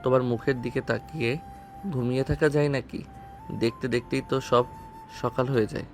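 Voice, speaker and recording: Man acting young husband, earnest, tender, Bengali accent, mid pitch, faint background music. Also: fairly even intonation, moderate pace, close to an everyday voice. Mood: teasing. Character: devoted young husband, gentle and pleading. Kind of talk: audio story acting.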